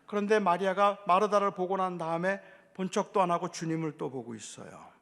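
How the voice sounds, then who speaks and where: A man's voice: high-pitched, brisk, creaky, a bit bright. A male pastor preaching a sermon, telling the story vividly and acting out voices. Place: church. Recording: echoey church hall.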